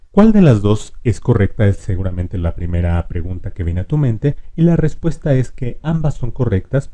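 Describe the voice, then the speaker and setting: A man explaining spelling rules in a lesson, patiently addressing the viewer directly and drawing out example words slowly. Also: lowish voice, warm tone. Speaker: language teacher.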